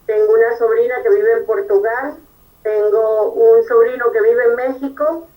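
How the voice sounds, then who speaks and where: A Venezuelan engineer in her fifties answers questions in a conversational interview, giving earnest detail and often checking in with "¿verdad?". Her voice is a little high, steady and dark, at normal speed. It was recorded from a distance, and the recording is rough.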